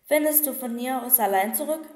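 A woman voicing a hurried, worried young man in an audiobook, talking in a rushed, distracted way. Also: sits high, a little mellow, natural voice. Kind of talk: audiobook reading. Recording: echoey room with long reverb.

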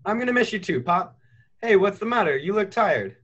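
A man's voice: high-pitched, very animated, fairly quick, a bit bright, muffled recording, heavily acted. A young man playing an eager, loyal youth who dreams of travel in a radio play. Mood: upbeat. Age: young adult.

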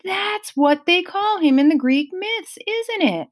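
A woman's voice: sits high, big pitch swings, slow pace, voice pushed up, heavily acted. Woman doing a blunt grieving boy. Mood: demanding. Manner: insistent, questioning. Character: grieving twelve-year-old boy, blunt and demanding. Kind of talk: audiobook reading.

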